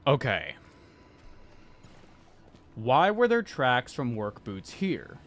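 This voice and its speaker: A man giving casual gameplay commentary, thinking aloud excitably and reading game text. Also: medium pitch, extremely slow, slight background noise. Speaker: game streamer. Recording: music behind.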